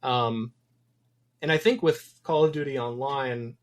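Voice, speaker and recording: A game developer from Wisconsin, interviewed casually on a podcast, talks a little slowly in a medium-pitched voice. He comes across as thoughtful but rambling, with lots of ums.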